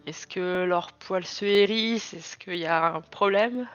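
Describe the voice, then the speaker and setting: A woman's voice: lowish voice, measured pace, fairly bright tone, highs cut off, faint music behind. A woman playing a tabletop role-playing game, moving between casual chat and improvised speech as her character.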